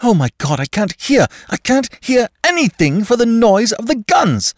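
A man's voice: extremely high pitch, very animated, moderate pace, no room sound, studio quality, voice pushed up. A man voicing a shell-shocked young aristocrat, frantic and shivering, his voice climbing in panic. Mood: panicked. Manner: frantic, rising to cries. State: shivering, teeth chattering.

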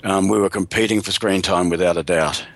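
A man's voice: deep voice, steady tone, brisk, a bit bright, no echo. A man being interviewed as an actor guest, telling emphatic stories in a casual chat.

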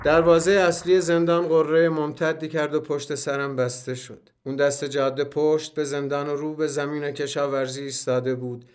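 A man reading a first-person story aloud as a scripted narration, measured and vivid. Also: on the high side, level tone, a little mellow.

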